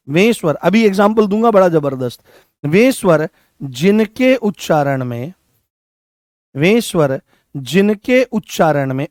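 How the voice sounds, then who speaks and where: A man teaching a Hindi exam-prep class, repeating each point and quizzing students with lively, chatty asides. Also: high voice, no room sound, studio quality. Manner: repetitive, drilling questions to students. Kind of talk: classroom lecture.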